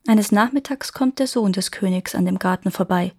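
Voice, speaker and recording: Calm woman reading fairy tales, dry. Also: mid-range voice, slightly rough, no echo. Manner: calm, measured storytelling. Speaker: storyteller.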